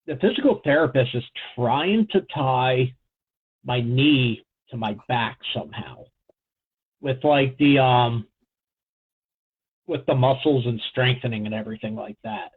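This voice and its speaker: A man co-hosting a podcast in casual chat, rambling and halting with fillers and restarts. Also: mid-range voice, slightly rough. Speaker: podcast co-host. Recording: phone-like narrow sound.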